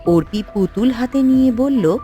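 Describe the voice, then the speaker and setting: A woman giving expressive, scripted storybook narration for a cartoon. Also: a little high, moderate pace, faint music behind.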